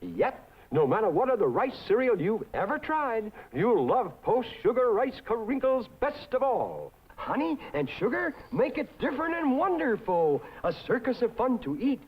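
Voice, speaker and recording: A man playing an excitable, hungry circus clown mascot with showy sing-song delivery in a 1950s television commercial. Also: very high-pitched, normal speed, few pauses, husky, full character voice. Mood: cheerful selling. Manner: exaggerated, sing-song salesman showmanship. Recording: muffled, lo-fi 1950s television audio.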